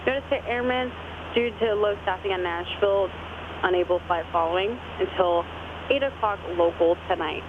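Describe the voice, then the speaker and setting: A voice reading a recorded airport weather broadcast in a flat, steady recitation of numbers, heard over an aircraft radio. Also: medium pitch, moderate pace. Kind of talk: recorded weather and runway information readout. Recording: narrow radio band with clear cockpit noise.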